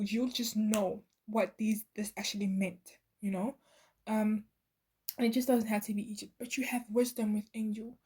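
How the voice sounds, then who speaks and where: A woman's voice: a little high, mellow, husky. A woman giving a channeled tarot reading to her viewers, earnest and meandering, with many fillers and restarts. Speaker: tarot reader.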